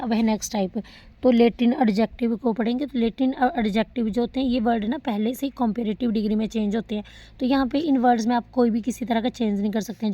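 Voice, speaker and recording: A young woman teaching English grammar in Hindi, reading example sentences slowly and calling her students beta. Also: a little high, mellow. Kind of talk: classroom lecture.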